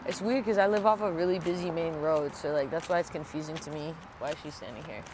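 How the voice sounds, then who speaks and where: At home with a sinus infection, this tarot reader talks quickly in a stuffy, congested mid-range voice. The reading is casual, and the language is blunt and profane, with background noise behind it.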